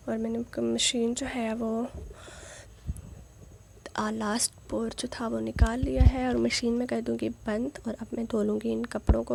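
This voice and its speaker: A young woman talks through her day in a loose, rambling vlog style, full of fillers. Her voice sits a bit high and carries a gravelly edge. A faint hiss of noise sits behind her. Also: mellow. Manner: chatty, rambling, with many fillers. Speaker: vlogger. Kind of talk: casual vlog narration.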